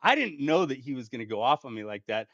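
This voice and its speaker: A man's voice: medium pitch, big pitch swings, fast, fairly bright tone, no echo. A man casually telling a long gaming story, rambling with frequent restarts and chuckles. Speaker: gaming channel host. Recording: dull lo-fi dry home mic.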